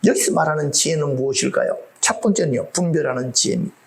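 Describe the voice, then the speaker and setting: A man's voice: a little high, fast talker, gravelly. A middle-aged man preaching a sermon as pastor, humorous and full of rhetorical questions.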